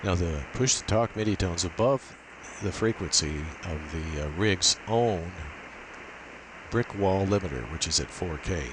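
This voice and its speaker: A low-pitched man talking a little slowly explains a setup one step at a time in an unscripted technical walkthrough. He demonstrates amateur radio, and steady hiss and noise run beneath his voice.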